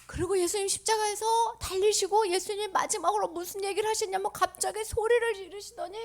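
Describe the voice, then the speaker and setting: A woman telling a Bible story to children in an animated way, often dropping to a whisper. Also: extremely high pitch, fairly quick. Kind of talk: children's sermon.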